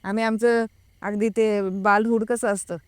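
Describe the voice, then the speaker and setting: Female guest, casual storyteller, clean smooth tone, dry close sound, hesitant recall. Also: mid-range voice, little pitch movement, no room sound. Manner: hesitant, pauses often to recall details; reenacts a friend's frightened words. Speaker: guest recounting a personal experience. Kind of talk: casual first-person storytelling.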